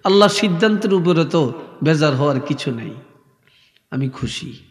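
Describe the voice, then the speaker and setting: A man preaching a sermon to a crowd, speaking slowly and softly with a sing-song storyteller's lilt. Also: a little high, expressive. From Bangladesh. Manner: slow, soft-spoken, sing-song storytelling. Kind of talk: Islamic sermon. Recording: echoey hall reverb from a PA.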